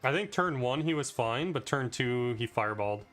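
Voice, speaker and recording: A man's voice: medium pitch, lively intonation, moderate pace, a bit bright, faint music behind. A man casually reviewing his own speedrun, talking loosely with plenty of "like" fillers. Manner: rambling, loose, with frequent "like" fillers. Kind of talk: casual commentary over gameplay.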